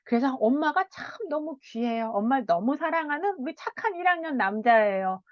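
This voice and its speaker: A woman child counselor giving a parenting lecture, animated, often laughing and acting out what children and parents say. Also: high-pitched, fairly quick, dry recording. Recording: dull, dry sound.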